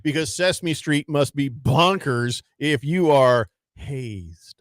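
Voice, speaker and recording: Brief: male radio host, slightly high voice, playful needling banter, close dry mic. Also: slow pace, dry recording. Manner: teasing, reads listener texts aloud. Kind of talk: casual sports radio banter.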